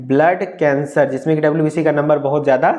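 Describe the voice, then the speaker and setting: A man's voice: on the high side, fairly even intonation, fast talker, darkish tone. A young man with a Hindi accent giving an exam-prep lecture as a pharmacy tutor, asking questions and answering them himself and repeating key terms.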